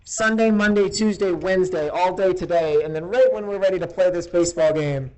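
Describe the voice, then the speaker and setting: A man's voice: high-pitched, brisk, darkish tone, poor audio. A man giving informal, rambling rain updates as a sports broadcaster, outdoors on a handheld dictaphone-style voice recorder. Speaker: high school baseball broadcaster. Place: outdoors by a door in a rainstorm. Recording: handheld voice recorder with clear noise.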